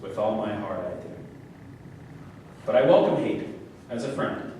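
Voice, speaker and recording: A man with a low, warm voice and lively intonation, speaking a little slowly, performs a deluded, manipulative murderer consumed by a woman at a staged play reading. His grandiose, preachy delivery is seductive and intense, captured by a far mic in a big, very echoey room with faint noise.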